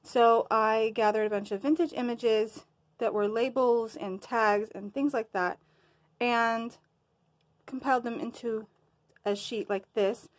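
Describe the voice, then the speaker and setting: A woman's voice: a little high, fairly even intonation, a little slow. A woman talking casually to her viewers in a crafting show-and-tell, a bit winded and rambling, losing her train of thought now and then. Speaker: crafting vlogger.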